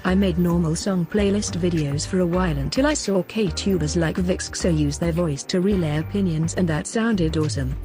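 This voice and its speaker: A synthetic voice reading out a written answer in an even machine delivery. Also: medium pitch, moderate pace, few pauses, over music. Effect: text-to-speech voice.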